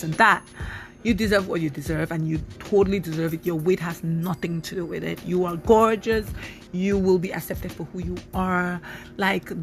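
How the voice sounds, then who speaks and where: Chatty woman podcaster in her thirties. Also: on the low side. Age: 30s. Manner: chatty, animated, with many fillers. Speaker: podcast host. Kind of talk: casual solo podcast talk.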